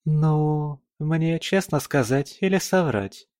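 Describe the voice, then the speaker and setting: A man's voice: a little high, expressive, slow, a little mellow, no room sound, clean studio sound, voice pushed up. A man voicing a playful, defiant young woman who is a wolf shifter, teasing and grumbling through her lines. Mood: cheeky grumbling. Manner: cheeky, grumbling banter.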